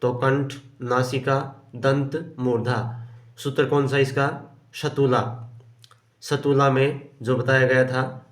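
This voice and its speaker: Slow patient guy teaching grammar, keeps repeating the answers, echoey room. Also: medium pitch, flat delivery. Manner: patient, repeats answers, asks questions aloud. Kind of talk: explaining quiz questions on pronunciation.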